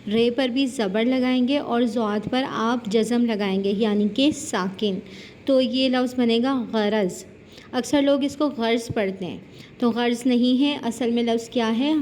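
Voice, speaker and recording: A woman teaching a grammar lesson, reading word lists slowly and clearly and correcting common mispronunciations. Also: a little high, dark tone. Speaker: Urdu teacher. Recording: faint background noise.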